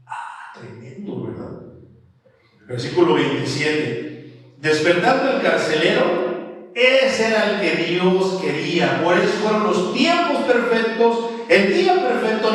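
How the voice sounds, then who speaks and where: A man preaching a sermon as pastor, animated, acting out voices and asking questions. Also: on the high side. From Mexico. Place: church. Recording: echoey church hall, from far off.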